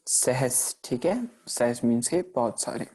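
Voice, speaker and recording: A man giving a recorded lesson on pronunciation, explaining patiently and often pausing to check in with his listeners, slowing down to sound out example words. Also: medium pitch, animated, creaky, warm tone, slightly rough. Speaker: teacher. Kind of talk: recorded online grammar lesson.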